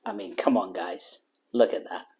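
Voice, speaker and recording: A man hosting a cooking vlog, walking through a burger recipe in calm voice-over and then tasting it on camera with loud, joking enthusiasm. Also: sits low, normal speed. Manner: energetic and jokey, exclaims while tasting; calm, steady instruction in voice-over. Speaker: cooking show host.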